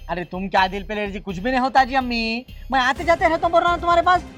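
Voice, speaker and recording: A man's voice: very high voice, pushed and bright, faint music behind. A man playing a son who lectures his mother and in-laws in a comic family skit. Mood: pleading. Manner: fast, preachy, lecturing. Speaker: son and peacemaker in a family sketch.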